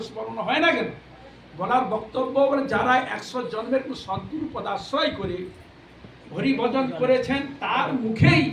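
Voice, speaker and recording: A man giving a devotional sermon, asking rhetorical questions, repeating phrases for emphasis and breaking into sung verses. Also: very high voice. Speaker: preacher. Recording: echoey hall, mic at a distance, faint noise.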